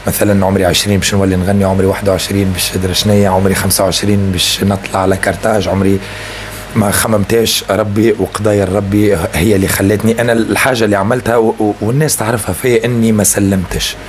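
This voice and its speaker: A man's voice: fairly low pitch, flat delivery, very fast, a little hiss or hum. A young man with a Tunisian accent, a singer answering interview questions earnestly and often checking that he is understood. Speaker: singer and rapper.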